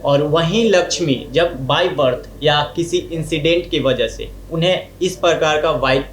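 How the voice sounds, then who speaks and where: A man's voice: a little high, a little slow. Male interviewer in an echoey room. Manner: affirming, frequent "बिल्कुल" and "okay" acknowledgements. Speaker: host and interviewer. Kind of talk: conversational interview. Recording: echoey room with faint noise.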